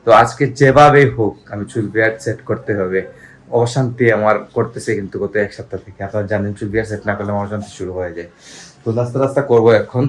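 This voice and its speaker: A man narrating a casual family vlog, chatty and often speaking softly to the viewers. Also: lowish voice, quick pace, poor audio. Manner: chatty, addresses viewers as guys, drops to a hush to keep a surprise. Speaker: vlogger.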